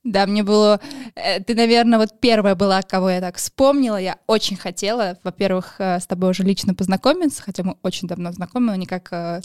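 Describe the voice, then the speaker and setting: A woman's voice: mid-range voice, brisk, a little mellow, smooth, no room sound. Woman podcast host, eager and chatty, hesitant fillers, dry close recording. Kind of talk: casual interview chat.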